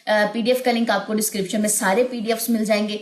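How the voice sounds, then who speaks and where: A woman's voice: mid-range voice, fairly even intonation, echoey room. A woman teaching Quran recitation online, explaining pronunciation and drawing out long vowels in her examples while mixing in English words. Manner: demonstrates sounds with long drawn-out vowels. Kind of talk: online tajweed lesson.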